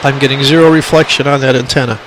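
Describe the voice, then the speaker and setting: A radio hobbyist shows off his equipment in a casual, hands-on tutorial, speaking plainly and emphatically and repeating his points. His voice is medium-pitched, fairly bright and fast, with fairly even intonation. The amateur phone recording is poor quality, with a little hiss or hum.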